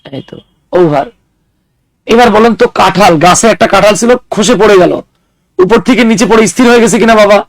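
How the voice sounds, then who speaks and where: High-voiced man teaching a class. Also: fairly quick, long pauses, no room sound, poor audio. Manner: explains with everyday examples, asks the class questions. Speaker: English teacher. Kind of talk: classroom lecture.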